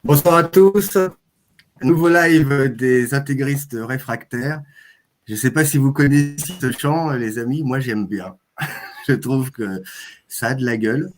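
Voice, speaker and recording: A man's voice: mid-range voice, a little slow. A man hosting a live stream, chatting casually and hesitating often as he introduces his guests. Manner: hesitant, with frequent "euh" fillers.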